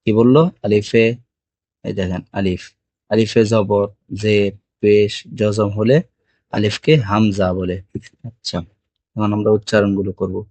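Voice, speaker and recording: A man's voice: lowish voice, flat delivery, measured pace, long pauses, darkish tone, no room sound. A man teaching a beginners' Quran reading lesson, drilling the letters patiently one by one and asking the class questions. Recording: dull lo-fi dry recording.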